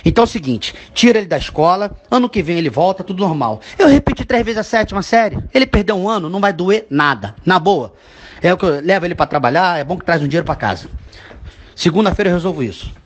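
A man's voice: sits high, animated, quick pace. A man dubbing a crude, exasperated middle-aged father who rants in a comedic voice message and keeps asking if you understand. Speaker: comedy voice dubber.

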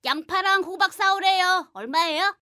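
A grumbling little cartoon boy with a very high, bright voice. He is cheeky and impatient, whining and exclaiming about his errands. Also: normal speed, dry recording, clean studio sound. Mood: polite. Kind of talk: animated cartoon acting.

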